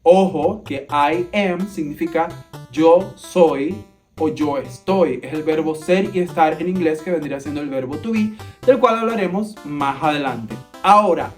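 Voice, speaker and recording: A woman with a Venezuelan accent talks through a casual English lesson. She is playful and chatty and sprinkles her explanations with local slang. Soft guitar music plays faintly behind her. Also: lowish voice. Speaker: English teacher.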